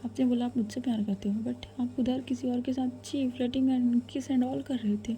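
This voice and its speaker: A hurt young woman sulks and reproaches in a whispered role-play, acted by a female storyteller. The voice is fairly high and dark in tone. A faint hiss sits behind it. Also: fairly even intonation, normal speed, natural voice. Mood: sulky. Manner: sulky, reproachful.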